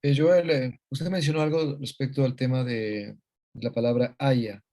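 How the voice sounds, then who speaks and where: A man's voice: medium pitch, steady tone, a little slow, dark tone. A male teacher asking students short, direct questions in an online class. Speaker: university teacher.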